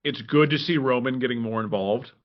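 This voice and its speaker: A man talks through a casual sports podcast chat in a mid-range voice, animated and quick to restart his sentences. The audio is a little dull and lo-fi. He stirs in short acted-out quotes as he goes. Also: mid-range voice. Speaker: podcast co-host.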